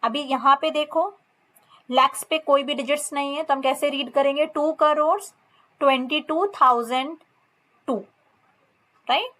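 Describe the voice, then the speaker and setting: A maths teacher with an Indian accent reads her textbook lines at a slow pace and breaks each step down in mixed Hindi and English. Her voice sits high, with fairly even intonation and a fairly bright tone.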